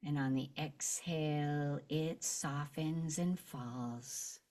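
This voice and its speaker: A woman with a low, mellow voice guides a meditation, speaking gently and very slowly. Her intonation stays fairly even, and she leaves long pauses between short phrases while leading the listener through a visualization.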